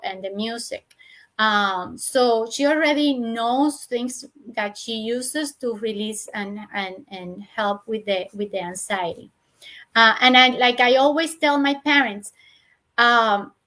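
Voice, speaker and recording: A woman's voice: fairly high pitch, fairly bright tone. A middle-aged woman answering parents' questions in a live webinar, earnest, often repeating herself, with many fillers and restarts.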